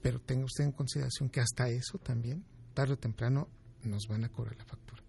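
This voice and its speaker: A man's voice: mid-range voice, steady tone, brisk, vocal fry, dark tone. A man, a doctor guest in an interview, giving emphatic advice and explaining with examples.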